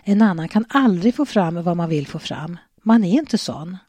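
Brief: a woman doing a withdrawn husband in an audiobook, low, dark, dry read. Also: lively intonation, dry recording. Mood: subdued. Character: reserved adult husband, quiet, emotionally closed.

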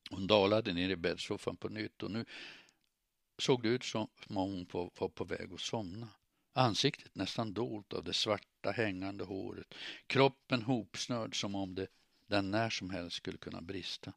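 A man reading a novel aloud as narrator, in measured, even storytelling. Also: sits low, vocal fry, no echo, clean studio sound. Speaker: audiobook narrator. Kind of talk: scripted narration.

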